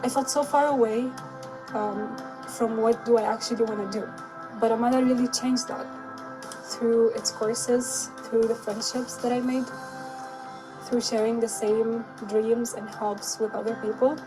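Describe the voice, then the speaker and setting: A woman's voice: on the high side, fairly even intonation, measured pace, low-quality recording. Young woman's earnest testimonial over music. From Sudan. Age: 20s. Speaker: student in a testimonial video. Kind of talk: personal testimonial. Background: background music.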